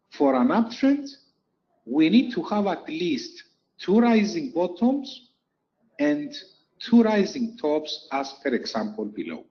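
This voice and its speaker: A man's voice: a little high, lo-fi sound. A man teaching a lesson over chart slides, explaining step by step and repeating key points for emphasis. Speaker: trading instructor.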